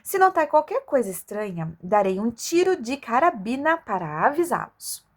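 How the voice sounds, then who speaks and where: A brisk, commanding doctor-explorer from a children's storybook, voiced by a woman reader. The voice sits fairly high and gives orders plainly. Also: sing-song. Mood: calm, instructing. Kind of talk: storybook dialogue read aloud.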